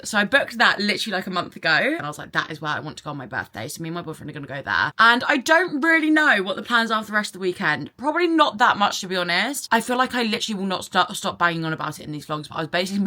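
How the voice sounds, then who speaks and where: A woman's voice: lowish voice, bright, forceful tone. A woman in her mid-twenties vlogging to camera in a chatty, rambling, emotional way, with many restarts. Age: 20s. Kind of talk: casual chat to camera.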